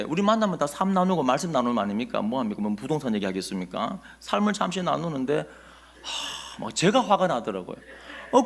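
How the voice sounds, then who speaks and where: A male pastor, preaching a Sunday sermon as an animated storyteller who asks the congregation questions. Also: a little high, vocal fry.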